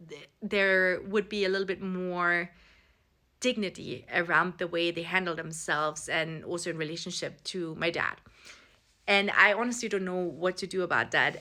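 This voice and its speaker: A woman's voice: on the low side, sharp tone. A woman from Vienna, telling a casual storytime to camera in an earnest, reflective way and speaking straight to her viewers. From Vienna, Austria. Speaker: social media creator.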